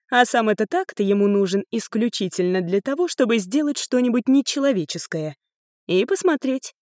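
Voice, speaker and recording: A woman reading a novel aloud in a calm, detached narrating voice. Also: mid-range voice, dry recording, studio quality. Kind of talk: audiobook narration.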